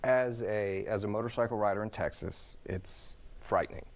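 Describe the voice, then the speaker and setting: A man speaking as an expert guest in an interview, giving advice in a measured, halting way. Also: on the low side. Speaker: motorcycle safety advocate guest. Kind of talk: interview commentary.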